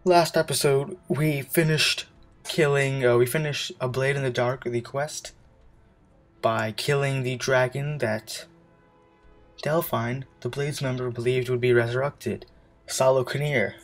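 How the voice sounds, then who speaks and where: A man's voice: mid-range voice, steady tone, measured pace, faint music behind. Breathless young man commenting on gameplay. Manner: rambling, self-correcting, with many fillers.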